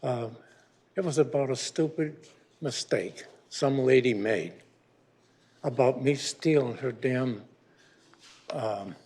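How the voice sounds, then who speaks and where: A man's voice: mid-range voice, takes it slowly, long pauses, darkish tone, slightly rough. Rambling grumbling man in his eighties. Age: 80s. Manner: rambling and grumbling, with frequent restarts. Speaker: public commenter at a city council meeting. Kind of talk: public comment speech.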